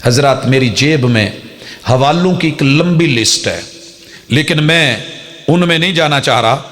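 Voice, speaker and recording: Fiery preacher, high-voiced man. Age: middle-aged. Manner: dramatic, mimics opponents' pleading then rises to loud emphatic peaks. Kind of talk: fiery religious speech.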